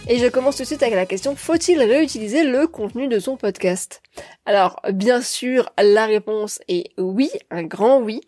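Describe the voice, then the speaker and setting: A woman hosts her own solo podcast, speaking straight to her listeners in a friendly, direct way. Her voice sits fairly high. It is recorded close and dry, with no room sound. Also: moderate pace, mellow, no room sound, soft background music. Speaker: podcast host.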